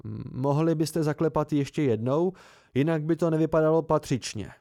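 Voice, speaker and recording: An eccentric robed man, absent-minded and hesitant, now and then putting on a grand booming tone, as a male reader voices him. His voice is mellow and low, dry with no room sound. It fits a homemade storybook reading. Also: no room sound, natural voice. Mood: flustered. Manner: theatrical then distracted and hesitant.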